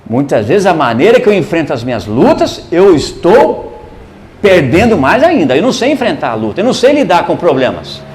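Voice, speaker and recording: A man preaching a sermon, telling a personal story and swinging between hushed and emphatic delivery. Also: a little high, huge pitch swings, fairly quick, slight background noise. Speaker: pastor.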